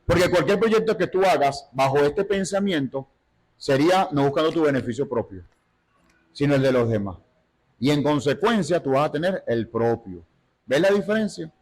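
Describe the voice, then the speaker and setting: A man teaching a Bible study in sermon style, animated, asking rhetorical questions and acting out quotes. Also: fairly high pitch, moderate pace, rough recording.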